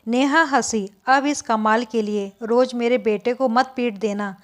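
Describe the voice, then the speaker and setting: Brief: female storyteller, slightly high voice, scripted narration, voices each character without changing her own voice. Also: a little slow. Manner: reads every role in her own voice.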